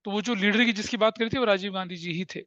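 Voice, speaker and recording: Speaking fast in a high, bright and forceful voice, a teacher lectures with lively storytelling and keeps putting questions to his class. The sound is dry, slightly muffled, with no echo.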